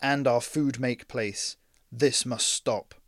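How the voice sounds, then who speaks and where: A man puts on a massive spider-like alien diplomat who talks in short, broken phrases. The delivery is slow and deliberate, with a flat, heavy weight to each word. Recorded dry and close. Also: mid-range voice, no echo. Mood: stern. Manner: slow, broken clipped speech. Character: huge spider-like male alien diplomat, blunt, terse.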